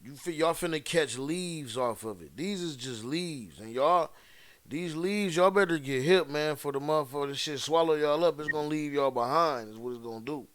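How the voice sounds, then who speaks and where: Laid-back man, smooth voice. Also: on the high side, normal speed, a bit bright. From Detroit. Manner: laid-back, slangy, emphatic. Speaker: podcast co-host. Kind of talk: casual chat.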